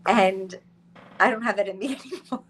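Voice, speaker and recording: A woman's voice: mid-range voice, moderate pace, a little hiss or hum. A woman in her late thirties, a podcast guest, chatting casually and laughing often. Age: late 30s. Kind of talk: casual chat.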